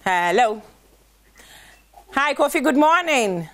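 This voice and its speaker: A woman's voice: high voice, very animated, takes it slowly, a bit bright. A young adult woman with a Ghanaian accent hosting a morning show, chatting with callers and reading entertainment news. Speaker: radio and TV show host. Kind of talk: casual morning show chat, switching between Twi and English.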